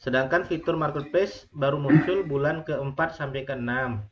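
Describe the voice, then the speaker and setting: A man's voice: on the high side, moderate pace, highs cut off, very noisy. Man on a breaking-up call line. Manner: checks the connection again and again. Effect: voice cutting out over a bad online call line. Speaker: session moderator reading audience questions. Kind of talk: online class Q&A.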